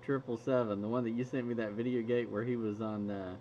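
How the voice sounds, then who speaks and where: A man's voice: mid-range voice, fairly even intonation, a little fast. A man hosting a radio hobby stream, chatting casually and laughing often between stories. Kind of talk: casual chat. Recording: muffled lo-fi recording, faint hiss.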